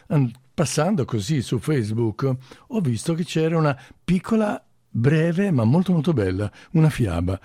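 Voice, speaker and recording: A male radio host talking gently and effusively on air, then reading a short fairy tale aloud. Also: mid-range voice, no room sound, studio quality. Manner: gentle and effusive, with small restarts.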